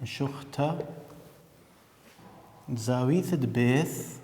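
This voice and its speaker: A man teaching a maths lesson to pupils, patient and slow, repeating numbers and terms. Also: mid-range voice, mellow, roomy sound, in a large hall, a little hiss or hum. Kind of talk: classroom lesson.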